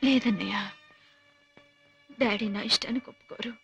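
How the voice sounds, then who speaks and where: An actress playing a heartbroken young sister, speaking slowly and mournfully over the phone, heard over loud film music. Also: female voice, mid-range voice, fairly even intonation, gravelly, close to an everyday voice. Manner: slow, mournful speech.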